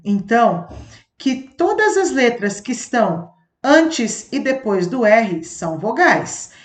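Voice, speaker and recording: A woman teaching a phonics lesson, stretching out each example word and spelling it out with careful enunciation. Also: high-pitched. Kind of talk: slow classroom phonics lesson. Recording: echoey room.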